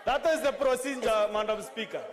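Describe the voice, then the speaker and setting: Man, Kenyan accent, very high pitch, insistent senator, raised voice, parliamentary debate, long hall reverb. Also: brisk, a faint crowd. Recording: long echo of a large chamber.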